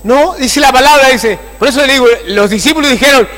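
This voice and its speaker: A man delivers a sermon in a very high, bright, forceful voice. He is animated and keeps asking his congregation for agreement. The sound rings with the long reverb of a church hall. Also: brisk. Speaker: pastor.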